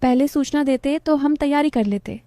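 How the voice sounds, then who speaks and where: A woman's voice: sits high, moderate pace, dark tone, dry recording, clean studio sound, voice pushed up, lightly acted. A woman voicing an insistent hospitable father. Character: affectionate father-in-law, older man, hospitable.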